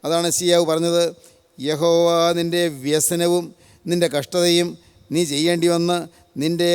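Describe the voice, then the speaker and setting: A man's voice: fairly high pitch, little pitch movement, a little slow, clean tone. An older man from Kerala preaching a sermon, solemn and repetitive, stacking one parallel phrase after another. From Kerala, India. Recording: long hall reverb.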